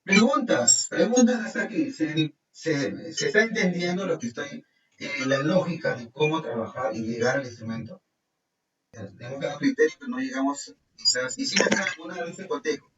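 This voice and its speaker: A man's voice: on the high side, animated, moderate pace, a loud crowd. A man teaching a workshop, explaining step by step, reading criteria aloud and often asking listeners to confirm. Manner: explains step by step, frequent tag questions, reads criteria aloud. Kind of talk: live online workshop instruction. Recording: roomy, distant, dull sound with faint music.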